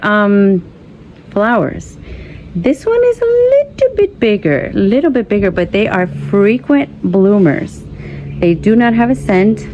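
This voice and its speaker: Casting: female plant-vlog host, relaxed warm timbre, medium pitch, effusive casual Spanglish delivery, recorded outside over noticeable ambience. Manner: Spanglish, slipping Spanish words into English. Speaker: host of an orchid-growing vlog. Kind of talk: casual chat to viewers, showing plants. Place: outdoors in an orchid pergola. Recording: clear ambient outdoor background noise.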